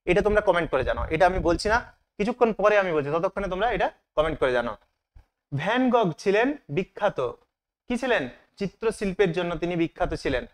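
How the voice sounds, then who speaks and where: High-voiced male teacher, question and answer. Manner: asks the class questions, then answers them himself. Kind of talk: online exam-prep lesson.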